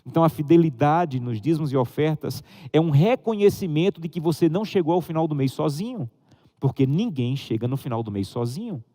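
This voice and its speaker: Brazilian pastor guy preaching, mellow dark voice, acts out kid voices in his stories, echoey church. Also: a little fast. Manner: animated storytelling, acting out a child's high excited voice. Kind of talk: sermon. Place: church hall.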